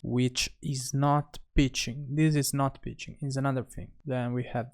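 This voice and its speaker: A man guides viewers through software as an instructor, his mid-range voice flat in delivery. He speaks in short phrases with hesitant pauses in between.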